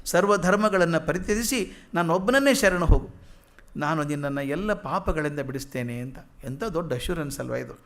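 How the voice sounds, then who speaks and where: Man, lecturer, fairly high voice, slow verse recitation, chatty explanations, rhetorical questions. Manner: recites verses slowly, then explains them in everyday talk; lively, asks the audience questions and answers them himself. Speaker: lecturer on philosophy. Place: lecture hall.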